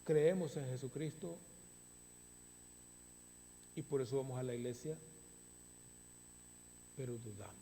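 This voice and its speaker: A man preaching a sermon as pastor, stressing words with long dramatic pauses, recorded in a church sanctuary. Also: medium pitch, vocal fry, mellow. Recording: reverberant hall, faint hum.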